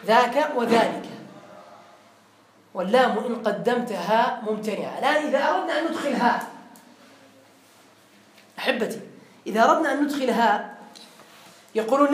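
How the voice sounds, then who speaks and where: Man teaching grammar in an echoey classroom. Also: very high-pitched. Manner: explains slowly, repeats and quizzes students.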